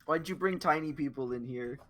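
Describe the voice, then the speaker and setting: A slow-witted hill giant, put on by a man at a tabletop game, drawls out his words hesitantly. The voice sits a bit higher and louder than the man's own, as if his thoughts lag behind his mouth. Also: natural voice. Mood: confused.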